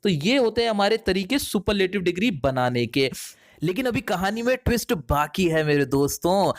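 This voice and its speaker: Guy teaching english grammar online, lively and chatty with the viewers. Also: sits high. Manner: lively, addresses viewers as friends.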